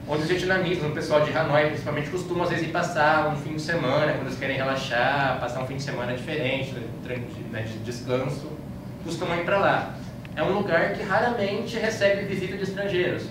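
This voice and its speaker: A Brazilian man with a Brazilian Portuguese accent, his voice a little high and fairly quick, gives a casual slide-show talk about his travels to a live audience indoors, telling it anecdotally and often tacking on small checking tags. The mic sits far from him, so the room sounds echoey and background noise comes through clearly.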